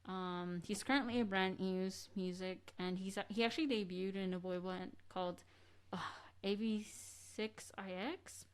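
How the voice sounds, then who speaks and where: A woman co-hosting a casual podcast, chatty, laughing often and trailing off into quiet asides. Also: medium pitch, steady tone, moderate pace, smooth. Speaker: podcast co-host. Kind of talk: casual chat.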